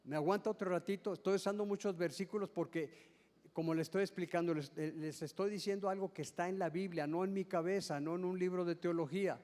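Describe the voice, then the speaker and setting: A man's voice: sits high, fairly even intonation, fairly quick, darkish tone, in a large hall. A man preaching a sermon as pastor, explaining step by step, often repeating and restarting words and asking the congregation questions. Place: church service hall.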